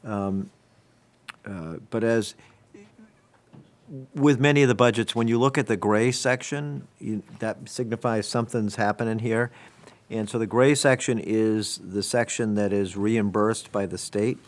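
A man with a fairly low voice explains town budget lines at a board meeting, walking through each item step by step. He speaks into a table microphone in a municipal meeting room. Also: measured pace.

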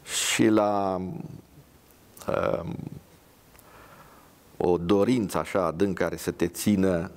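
Deep gravelly man. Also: steady tone. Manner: measured, pausing with fillers. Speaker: writer reading his work. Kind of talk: dramatic reading and reflective talk.

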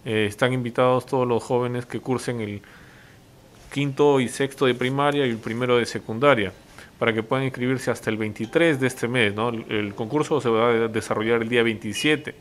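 A man, a police officer answering questions in a local TV interview, halting and full of fillers and tag questions. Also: medium pitch, steady tone.

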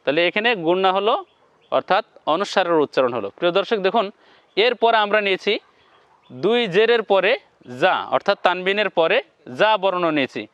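A man teaching Quran reading in a slow, step-by-step lesson, spelling out syllables one by one and then chanting the whole words. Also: high-pitched, a bit bright, smooth, no echo, highs cut off.

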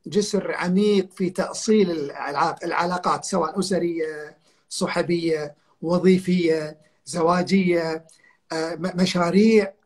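A man's voice: on the high side, fairly even intonation, normal speed, a little mellow. An older man, a guest on a live online talk, telling stories emphatically and repeating his key points over a video call. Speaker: guest counselor.

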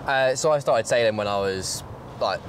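A man's voice: medium pitch, moderate pace, a little hiss or hum. A young man, a lead sailing instructor, answering questions outdoors in a laid-back, hesitant way with many ums. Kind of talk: casual interview answers. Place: outdoor boat compound.

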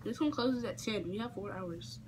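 The noisy home camera recording catches a young prank-call vlogger in her bedroom, camera on the bed at arm's length, trading casual, teasing banter. She talks bluntly at a normal speed with a medium-pitched voice.

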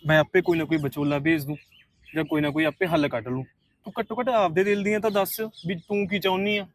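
A man's voice: on the high side, steady tone, fast talker, no room sound, close to an everyday voice. A man playing an earnest young suitor. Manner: pleading, earnest. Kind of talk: short film drama acting.

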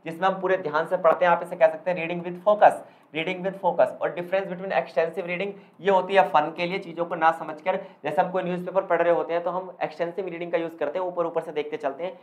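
A man's voice: high-pitched, lo-fi sound. A man tutoring students for an exam, speaking emphatically, repeating key points and mixing in terms. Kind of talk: exam revision lesson.

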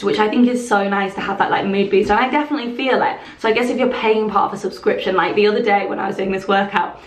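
A young woman in her twenties chatting enthusiastically to camera in a casual vlog. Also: medium pitch. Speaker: lifestyle vlogger. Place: bedroom walk-in wardrobe, indoors. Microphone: camera on a stand, close. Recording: roomy echo.

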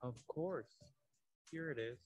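A helpful market seller in a recorded textbook dialogue, voiced by an adult. The pitch is mid-range and the delivery plain and even. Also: takes it slowly, slightly rough.

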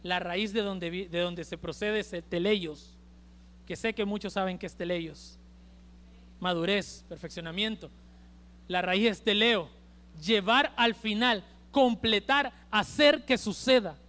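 A male preacher with a Honduran accent delivering an emphatic sermon at a church service, swinging between loud and hushed. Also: high voice, measured pace. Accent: Honduran Spanish.

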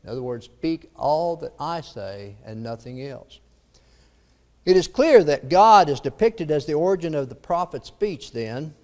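Preacher reading scripture in a reverberant hall. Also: male voice, a little high, a little mellow. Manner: reads scripture aloud with rising emphasis, then explains with fillers. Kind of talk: sermon lesson reading scripture. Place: church auditorium. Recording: long reverb of a church hall.

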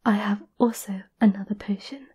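A woman doing a whispered role-play as a gentle, caring witch, soothing and a little hesitant, close to the microphone. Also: medium pitch, fairly even intonation, moderate pace. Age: 20s. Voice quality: breathy whisper. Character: gentle, caring centuries-old witch offering potions. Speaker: ASMR performer. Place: small candlelit indoor room.

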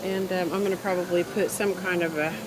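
A homesteader vlogger gives a casual walking tour of her backyard garden, filming on a handheld phone and chatting cheerfully as she thinks aloud. Her voice is lowish and brisk with fairly even intonation. The recording is rough, with guitar music underneath.

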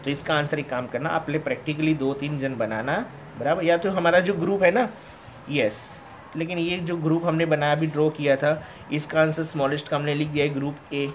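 A male math teacher explaining a textbook lesson to young pupils, asking questions and answering them himself, and reading the textbook's English lines out slowly. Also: fairly high pitch, steady tone, a little hiss or hum. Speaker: primary school math teacher.

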